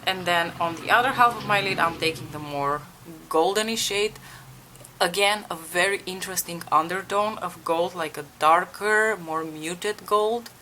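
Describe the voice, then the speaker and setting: The audio is poor as a young beauty vlogger from Bulgaria talks candidly through her makeup routine, casually swearing and asking viewers for advice. She speaks at a normal speed in a voice on the low side with a sharp tone.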